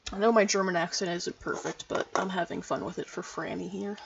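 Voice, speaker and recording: A woman's voice: lowish voice, steady tone, fairly quick, gravelly, far from the mic, dull audio, noisy background. A woman streamer chatting casually between scenes while reading a game aloud. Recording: live stream, music behind, mic set back. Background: game music.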